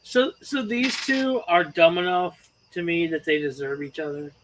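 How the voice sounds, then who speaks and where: A man's voice: on the high side, big pitch swings, moderate pace, a bit bright, a little hiss or hum, poor audio. A man chiming in as co-host on a casual live stream, with short, drawling remarks. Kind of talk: casual chat.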